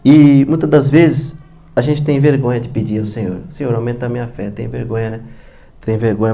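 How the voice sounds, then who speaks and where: A Brazilian man preaching a sermon in church, earnest and repetitive, often addressing his listeners as beloved. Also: medium pitch. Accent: Brazilian Portuguese. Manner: earnest, repeats "amados", drops into quiet emphasis. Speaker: pastor.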